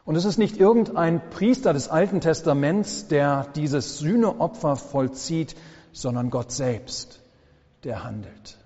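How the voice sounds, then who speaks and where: A man preaching a sermon as pastor, slow and solemn with dramatic pauses, in a church. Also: fairly high pitch, dark tone. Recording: long church reverb, dull lo-fi sound.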